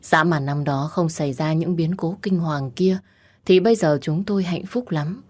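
A woman narrating a first-person romance story as an audiobook, in a steady, emotional reading. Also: deep voice, normal speed.

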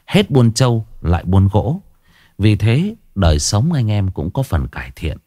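A man narrating a ghost story in the first person with expressive, rising and falling delivery. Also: low-pitched, dry recording, studio quality.

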